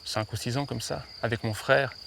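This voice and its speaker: A man's voice: mid-range voice, fairly even intonation, normal speed, creaky, fairly bright tone. A man giving casual, conversational explanations as an expert in an outdoor interview, often repeating words as he goes. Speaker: butterfly expert guest. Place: outdoors in a meadow. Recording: faint outdoor noise, chirping insects. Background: faint insects and ambience.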